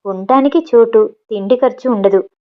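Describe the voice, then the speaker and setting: A proud young woman cook in a storybook reading, voiced by a woman, answering back bluntly and matter-of-fact. The voice sits fairly high. The recording sounds dull and lo-fi. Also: normal speed, close to an everyday voice. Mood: defiant. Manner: cutting, matter-of-fact retorts.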